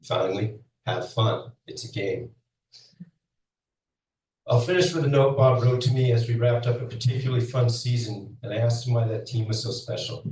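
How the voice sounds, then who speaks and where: A man reading a prepared eulogy at a memorial in a measured way. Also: medium pitch, darkish tone, a little hiss or hum. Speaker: speaker at a memorial, former coach. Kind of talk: prepared eulogy read aloud. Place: school hall. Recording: echoey hall, mic heard from a distance.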